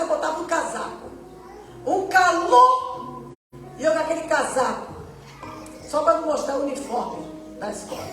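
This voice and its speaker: Woman, missionary preacher, testimony sermon, acts out dialogue, very echoey church hall, soft music underneath. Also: extremely high pitch, distant mic. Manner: storytelling, acting out quoted dialogue.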